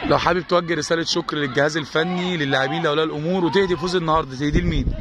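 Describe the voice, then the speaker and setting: Rapid Egyptian reporter at a noisy pitch. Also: male voice, fairly even intonation. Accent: Egyptian Arabic. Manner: rapid, repetitive questioning. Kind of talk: sports coverage interview. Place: outdoor football ground. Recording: noisy outdoor pitch-side recording.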